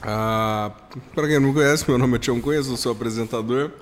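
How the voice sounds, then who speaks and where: Hoarse Brazilian man, voice giving out. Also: mid-range voice, fairly quick, a little hiss or hum. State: hoarse voice giving out, slightly ill. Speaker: podcast host. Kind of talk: casual podcast chat. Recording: long hall-like reverb.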